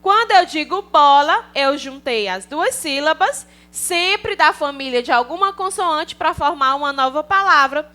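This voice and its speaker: A woman's voice: high voice, lively intonation, measured pace, hardly any pauses, bright, forceful tone. A Brazilian woman teaching a recorded online class to young children, cheerful and coaxing, often checking in with the kids. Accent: Brazilian Portuguese. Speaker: primary school teacher.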